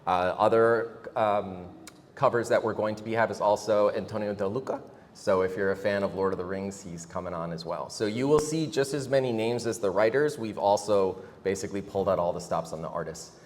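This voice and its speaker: A man's voice: deep voice, slight background noise. A man giving an enthusiastic convention stage presentation, with many fillers as he reels off names. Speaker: game designer presenting upcoming projects. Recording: long hall reverb.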